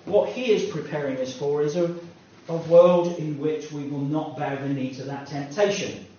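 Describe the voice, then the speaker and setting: A man preaches a sermon conversationally, poking fun at himself and adding personal asides. His voice is fairly high and warm, with fairly even intonation at normal speed, recorded dully from a distance in an echoey hall.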